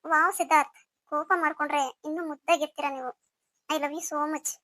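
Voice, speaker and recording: Brief: woman as scheming rival, mocking and flirtatious, high bright voice. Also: steady tone, brisk, no room sound. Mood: taunting. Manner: mocking, teasing delivery. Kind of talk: melodramatic audio story acting.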